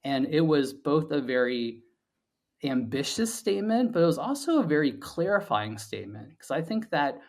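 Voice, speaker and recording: Speaking slightly high with vocal fry, this man is very animated as he talks. He's a founder being interviewed, explaining his reasoning haltingly and conversationally, often repeating words.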